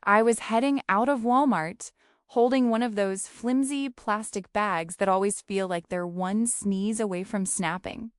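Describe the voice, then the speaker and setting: A woman's voice: mid-range voice, measured pace, clean tone, no echo, studio quality. A woman narrating a first-person story in a casual, slangy, conversational way.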